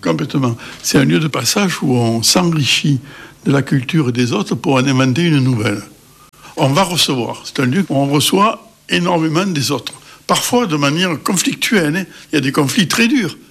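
A middle-aged man from the Cévennes in France, a guest expert explaining with lively emphasis in an interview. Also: fairly high pitch, normal speed, gravelly, husky.

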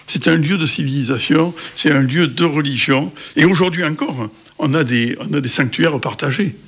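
Male guest expert, middle-aged, emphatic and lively, interview. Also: on the high side, normal speed, slightly rough. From Cévennes, France.

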